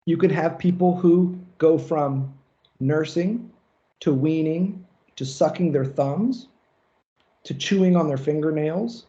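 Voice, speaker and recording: Casual, mellow-voiced male lecturer. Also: fairly high pitch, highs cut off. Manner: casual, conversational, profane, fillers like "like". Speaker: lecturer on psychoanalysis. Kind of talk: recorded lecture.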